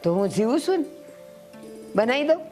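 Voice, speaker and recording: A woman's voice: on the high side, very animated, fairly quick. An actress playing a protective elderly village mother, speaking bluntly with a Kathiawadi Gujarati accent. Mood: scolding. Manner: scolding, blunt. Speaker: actor. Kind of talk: village family drama acting. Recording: soft music under the voice.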